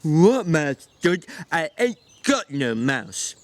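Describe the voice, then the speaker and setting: A man voicing a big, childlike, slow-witted man who pleads timidly in a dramatic audiobook reading. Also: on the high side, very animated, dry recording. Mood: feigned innocence. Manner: slow, halting, dejected pleading.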